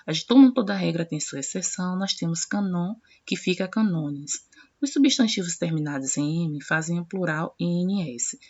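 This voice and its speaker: A woman teaching a grammar lesson, explaining rules step by step, slowing down to read out example words and addressing her students directly. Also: fairly low pitch, darkish tone. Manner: explanatory, reads word pairs slowly and addresses students directly. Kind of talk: classroom-style grammar lesson. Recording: dull lo-fi recording.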